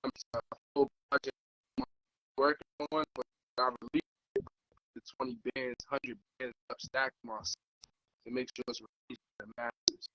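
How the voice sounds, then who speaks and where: A man's voice: mid-range voice, normal speed, long pauses, sharp tone, poor audio. A man talking casually as a musician guest over a video call, his audio choppy and breaking up. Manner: laid-back street slang, keeps asking "you feel me".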